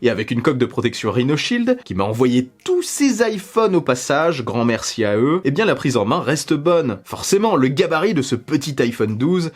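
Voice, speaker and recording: A man's voice: mid-range voice, sing-song, normal speed, hardly any pauses. A man hosting a tech unboxing vlog, talking in a playful way with jokey asides. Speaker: tech YouTuber.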